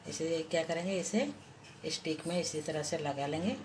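In her home kitchen, a deep-voiced woman vlogger gives slow, patient step-by-step cooking instructions, frequently pausing and restarting as she works. The camera is above her hands with her off-screen, and stove noise, sizzling and frying are audible.

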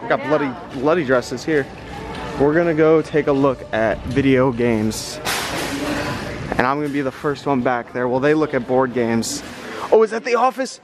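A chatty man of medium pitch and normal pace vlogs over background music, calling his viewers "guys." He's a reseller on a thrifting trip, giving casual running commentary through thrift stores and parking lots, recorded on a handheld camera mic.

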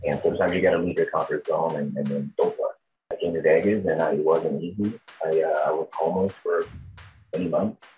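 A Brazilian man in his thirties, a native Portuguese speaker with a Brazilian accent, answers interview questions informally as a tribute show performer. His bass voice is warm and fairly even in intonation, and he talks fairly quickly. The audio is poor, with soft music in the background.

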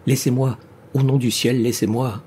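A man voicing a stranded astronaut who swings between panic and forcing himself to reason calmly. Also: medium pitch, normal speed, a little hiss or hum, lightly acted. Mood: frantic. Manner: frantic, then forcing himself calm.

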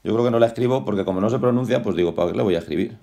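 Racing along with a warm, lowish voice and vocal fry, a male English teacher runs an informal lesson at home, a dog nearby. He keeps repeating words, corrects pronunciation and drops chatty remarks about being in a hurry.

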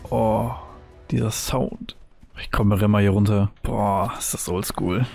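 A young man giving excited, nostalgic commentary on his gameplay, full of youthful slang. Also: fairly low pitch, unhurried, creaky, soft background music. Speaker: gaming streamer.

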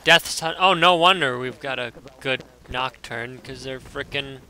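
A young man casually commentating his own gameplay, excitable and swearing, yelping out loud as things happen. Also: mid-range voice, unhurried. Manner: excitable, swearing, yelps and reacts loudly.

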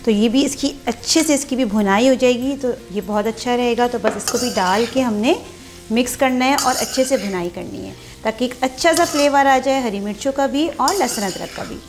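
A cooking channel host walks viewers step by step through a recipe as she cooks in her home kitchen, often adding "dekhein" asides. Her voice is fairly high at normal speed, over soft background music and the sizzle of frying.

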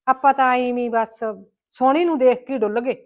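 A woman's voice: high-pitched, fairly even intonation, brisk, a little mellow, faint music behind, close to an everyday voice. A woman with a Malwai Punjabi accent playing a grumbling, scolding village mother-in-law in a comic skit. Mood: gossipy complaining. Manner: scolding, rustic and emphatic.

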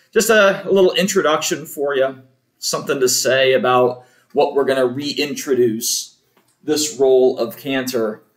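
Man, church cantor, slow patient explainer, mid-pitched, echoey church sound. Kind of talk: explaining to a congregation. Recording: roomy echo.

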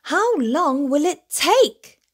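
A woman voicing an excited, impatient little bear cub in a storybook, squealing and eager. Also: very high voice, slow pace, pitched above the performer's own voice, full character voice.

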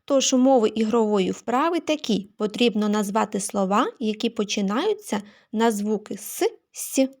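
A woman teacher giving a phonics lesson to young children, slow and careful, stressing each sound she names. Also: mid-range voice, expressive, a little mellow.

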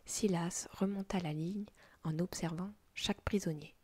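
A woman telling a story as a whispered role-play, in a breathy unvoiced whisper with soft, slow delivery. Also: fairly low pitch, fairly even intonation, no echo.

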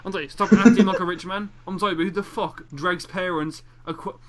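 A man's voice: high-pitched, fairly even intonation, a little fast, crowd noise. A young man hosting a podcast, brash and teasing, swearing freely in casual chat. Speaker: podcast host.

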